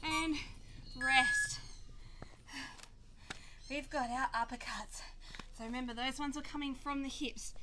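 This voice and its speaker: A woman coaching a kids' workout with short, energetic barked commands and encouragement, puffing a little as she exercises. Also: high voice, slow, long pauses. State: exerting, puffing while exercising. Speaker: kids' fitness instructor. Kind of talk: leading a workout, calling out instructions. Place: outdoors in a grassy back yard. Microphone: camera microphone from a few metres away. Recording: noisy outdoor camera audio, some clicks.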